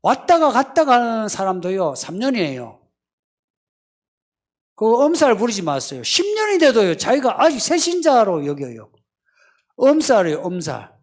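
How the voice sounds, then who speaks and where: A male pastor preaching in an easy, conversational way. His pitch swings widely as he teases the congregation and drops into hushed, acted-out little prayers. The sermon has a lively, animated rise and fall. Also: moderate pace, pauses often.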